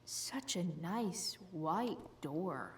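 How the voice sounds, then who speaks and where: A woman's voice: lowish voice, lively intonation, very slow, slight background noise. A woman voicing a sardonic, guarded, rebellious teenage girl in a video game, slangy and sometimes hesitant.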